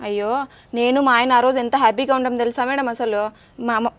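Woman playing a cheerful employee, high and rapid. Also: steady tone. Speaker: office employee in a comedy skit. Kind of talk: comic sketch acting.

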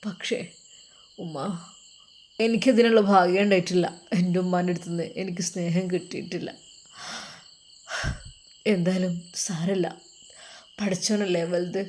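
A woman voicing a heartbroken young man who speaks in a hushed, halting, sorrowful way. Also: on the low side, steady tone, lightly acted.

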